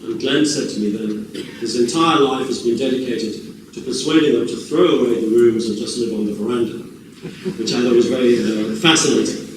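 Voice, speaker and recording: A man's voice: medium pitch, moderate pace, slight background noise. A man introducing the evening's speaker with rambling, good-humoured anecdotes in a lecture theatre. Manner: rambling, warm-humoured storyteller. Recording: echoey lecture theatre, distant mic.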